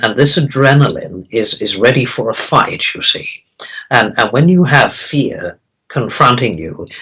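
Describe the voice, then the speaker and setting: Husky, low seance medium man channeling a spirit guide. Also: fairly bright tone, poor audio. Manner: halting, repeats words, solemn explanatory teaching. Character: calm male spirit guide speaking through a medium. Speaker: trance channeler answering questions as a spirit guide.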